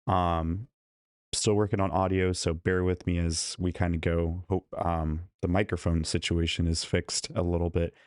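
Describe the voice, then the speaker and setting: A man with a deep, clear, resonant voice, slightly mellow, speaks at a moderate pace in a level tone, with no room sound. He's hosting a casual live stream from a hotel room as his voice gives out, chatting and greeting viewers one by one into a studio microphone plugged into a laptop.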